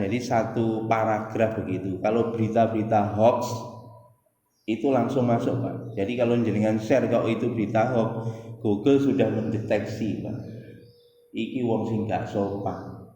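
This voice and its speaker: A man's voice: lowish voice, steady tone, normal speed, mellow. A man with a Javanese accent preaching a sermon, chatting with the congregation and chanting verses in between. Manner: mixes Javanese into Indonesian, addresses listeners as "Pak", chants Quran verses. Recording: echoey hall, long reverb.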